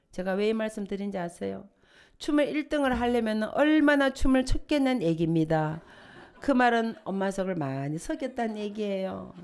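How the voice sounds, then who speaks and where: An older woman, a pastor's wife, giving a sermon with humorous stories and sudden swells into fervent prayer. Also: fairly high pitch. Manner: humorous, lively storytelling with sudden emotional swells. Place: church sanctuary.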